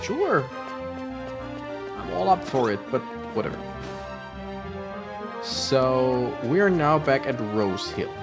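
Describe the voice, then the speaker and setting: A tired man rambles through casual game commentary, slow and unhurried, with a lively rise and fall in his voice. He laughs and trails off often while game music plays clearly behind him. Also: mid-range voice. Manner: rambling, laughing, self-interrupting. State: tired, yawning. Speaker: gaming channel host.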